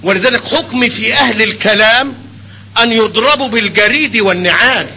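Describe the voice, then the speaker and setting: An older man with an Egyptian Arabic accent teaches hadith in a lively classroom style. His voice is high, very bright and forceful. A faint hiss of noise sits under the recording. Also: a little fast, rough recording. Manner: animated, quizzing students with rhetorical questions. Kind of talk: classroom lecture.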